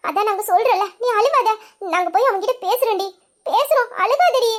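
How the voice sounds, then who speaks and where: A caring young woman who soothes and coaxes a crying girl, as a woman acts her out in an audio drama. Her voice is very high and quick. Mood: comforting. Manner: soothing, coaxing.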